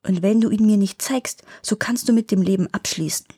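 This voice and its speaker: An eager, grasping young peasant lad from a storybook fairy tale, read by a woman. He exclaims and presses with excitement. The voice is mellow and a little husky, recorded close and dry. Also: mid-range voice, brisk, dry recording. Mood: threatening.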